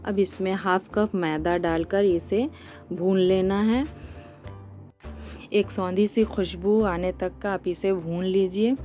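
A woman hosting a cooking channel, calmly talking through a recipe step by step in a voice-over, with small hesitations. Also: medium pitch, lo-fi sound. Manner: calm step-by-step instruction with hesitations.

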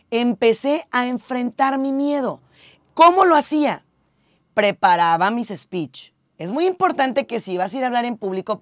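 A woman's voice: medium pitch, no echo. A woman, a radio host giving upbeat, direct public speaking tips from her radio booth. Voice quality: slightly husky. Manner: upbeat, direct, addresses viewers as family. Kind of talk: motivational tip video. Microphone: studio mic with monitoring headphones.

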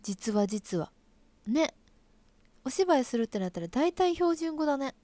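A woman's voice: sits high, very animated, unhurried, mellow, dry recording. A young woman from Osaka speaking in Kansai dialect, casually chatting with viewers and reading their comments on a live stream. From Osaka, Japan. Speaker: livestream host and stage actress.

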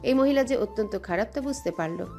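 Brief: female narrator, mellow warm tone, steady dramatic storytelling. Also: a little high, quick pace, faint music behind.

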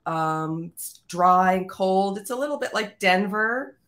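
Chatty guest from Canada, a woman with a mid-pitched voice, telling stories over a video call. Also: lively intonation, measured pace, fairly bright tone. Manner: chatty, storytelling, many fillers. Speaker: guest, tech editor. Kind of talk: casual chat.

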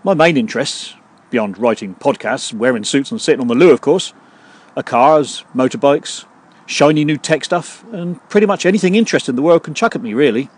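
A man hosting his own podcast, delivering a scripted comedy monologue in a dry, deadpan way full of puns. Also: medium pitch, fairly quick, breathy edge. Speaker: podcast host.

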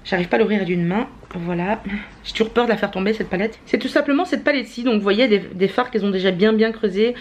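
A woman's voice: mid-range voice, quick pace, lo-fi sound, slight background noise. A young woman, chatting casually to camera at home in a vlog, with lots of fillers and self-mocking laughs. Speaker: vlogger. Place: at home, indoors. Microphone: camera mic, handheld and held by partner.

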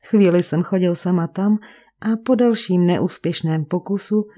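Reading for an audiobook, a woman uses her lowish, warm, natural voice for the part of a delicate, refined man of roughly thirty who paints. His lines carry a cultured, resigned mood.

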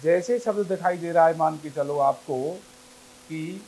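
A man teaching Hindi grammar to a class. He keeps asking the class questions, often answers them himself, and repeats words slowly for emphasis. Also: on the high side, warm tone, slight background noise, low-quality recording. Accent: North Indian Hindi.

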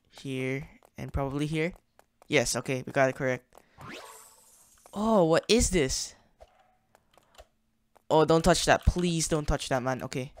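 A young man hosting a gaming channel narrates his play casually, chatty and slangy, thinking aloud as he goes. His voice is fairly high and smooth.

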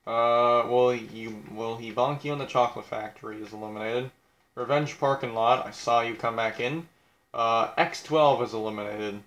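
A man's voice: mid-range voice, steady tone, normal speed, fairly bright tone, echoey room. A young man casually commenting on a video game, blunt and crude, mocking himself as he reads out who is eliminated.

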